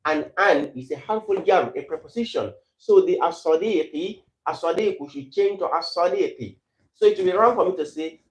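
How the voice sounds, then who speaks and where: A man teaching Arabic grammar who repeats example phrases slowly and then explains them. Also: fairly high pitch. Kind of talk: grammar lesson. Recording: echoey room.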